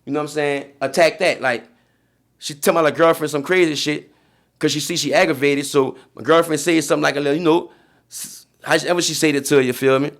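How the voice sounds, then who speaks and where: A man's voice: on the high side, steady tone, fast talker. A young man with a New Orleans accent, telling a story in casual streetwise slang on a podcast. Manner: streetwise slang, frequent "you feel me". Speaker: podcast guest.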